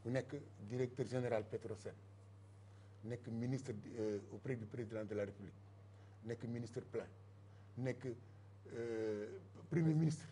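An older Senegalese man speaks emphatically as a guest in a televised political debate, mixing Wolof and French. He is on a lapel mic on a TV studio set. His voice is mid-range and dark, with a little hiss or hum.

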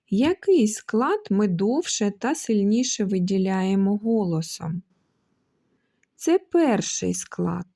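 A woman kindergarten teacher giving a slow, carefully spoken lesson for young children, drawing out syllables and calling out words to show where the stress falls. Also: mid-range voice, dark tone.

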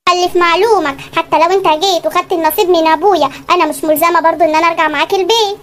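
A demanding young Egyptian woman from a comedy cartoon, nagging and refusing everything. Her voice is extremely high and sped-up, with a noisy hiss under the audio. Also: fairly even intonation, rapid-fire, a bit bright. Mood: stubborn. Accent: Egyptian Arabic. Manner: nagging, stubborn, shrill when pleading. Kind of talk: animated comedy sketch.

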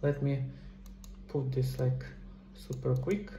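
For a screen-recorded tutorial on game development, a middle-aged man speaks casually into a headset from a small indoor room at a computer. He takes it slowly in a mid-range voice with a dark tone. The audio has a roomy echo and faint background noise.

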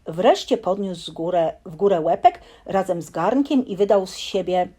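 A woman reading a bedtime story aloud in a lively, expressive storytelling manner. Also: on the low side, normal speed.

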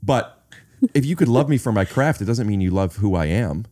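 Man in his thirties, podcast host, low mellow voice, rambling and playful, studio mic. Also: animated. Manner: rambling, playful, halting with fillers. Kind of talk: casual podcast conversation. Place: living-room podcast set. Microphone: studio mic on boom arm, headphones.

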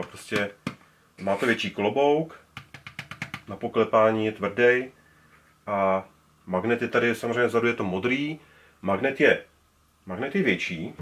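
Fortyish guy, lowish voice, rambly show-and-tell at his desk, lots of restarts. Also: fairly bright tone. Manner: rambling, many restarts, handles speakers while talking. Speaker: speaker collector. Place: indoor room full of speakers.

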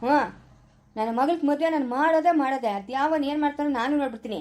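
A woman's voice: sits high, very fast, natural voice. A woman playing an angry accusing village father. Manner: shouting, accusing. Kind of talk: village family skit acting.

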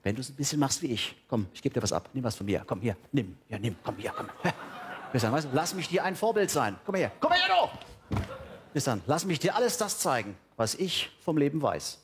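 An actor playing a vain, dim-witted male TV show host in a stage cabaret, boastful and patronizing, with sudden loud outbursts. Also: medium pitch, expressive, a little fast, a little hiss or hum, close to an everyday voice.

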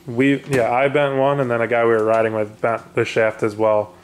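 A man casually chatting about his off-road gear, relaxed and rambling with lots of fillers. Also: medium pitch, moderate pace. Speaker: off-road video host. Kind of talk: casual garage chat. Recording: echoey room with faint noise.

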